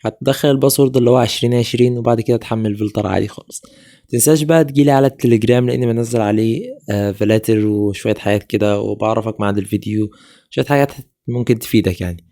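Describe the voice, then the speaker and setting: A quick-speaking man with an Egyptian Arabic accent leads a screen-recorded tutorial, his voice low and mellow. He explains each step in an instructive way and keeps checking that the viewer is following. His voice is slightly off from a cold. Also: fairly even intonation. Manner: instructive, repeatedly checks in with "okay?". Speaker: tutorial host.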